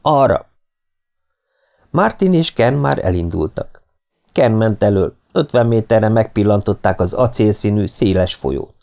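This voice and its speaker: Brief: male audiobook reader, low and gravelly, lively intonation, steady expressive read. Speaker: audiobook narrator. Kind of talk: audiobook narration.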